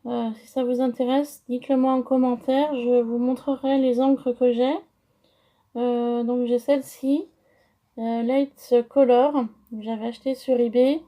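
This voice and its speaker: A woman's voice: a little high, flat delivery, measured pace, mellow. A woman with a French accent explaining a paper-crafting project step by step, hesitant with many fillers. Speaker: crafting tutorial host. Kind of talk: casual craft tutorial.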